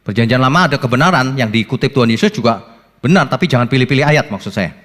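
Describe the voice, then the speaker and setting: A man preaching a sermon as pastor, animated, asking rhetorical questions and acting out quotes. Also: mid-range voice, quick pace. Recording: long church reverb.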